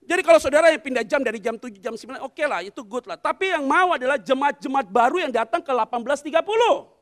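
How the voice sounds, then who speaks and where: Man, very high voice, pastor, storytelling sermon, congregation call-and-response. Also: fast talker, a bit bright.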